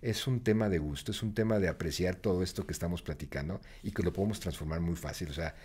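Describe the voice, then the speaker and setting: A man's voice: low-pitched, fast, darkish tone, husky. A man with a Mexican accent, a guest in a casual talk, speaking in a reflective and encouraging way and urging listeners to act. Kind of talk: casual conversation.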